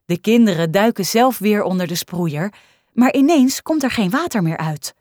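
A woman narrating a children's storybook in a clear, expressive way. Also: medium pitch, normal speed, no room sound, clean studio sound. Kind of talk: storybook reading.

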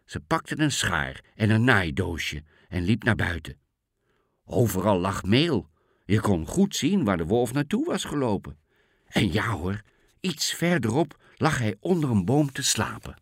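Man reading a children's fairy tale, very lively pitch, dry close sound. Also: a little slow, breathy edge, no room sound. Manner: expressive, lively read-aloud. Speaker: storyteller.

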